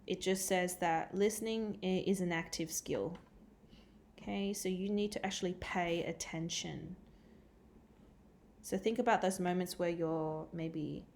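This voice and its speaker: A woman teacher talks through a recorded catch-up lesson at an ordinary middle pitch. She explains step by step, stopping often on ums and uhs. A faint hiss sits under her voice. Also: a little mellow. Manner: explains step by step with many fillers.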